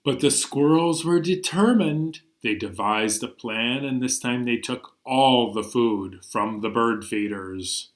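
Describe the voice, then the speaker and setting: Speaking slowly with hardly any pauses, a man of medium pitch hosts a children's storytime. He's a librarian reader who reads and sings animated stories and songs for young children, playfully and expressively, with sudden emphasis.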